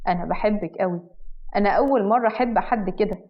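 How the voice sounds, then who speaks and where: A woman voicing a repentant young husband who speaks softly and tenderly. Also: mid-range voice, fast, close to an everyday voice. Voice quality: soft, hushed. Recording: dull lo-fi.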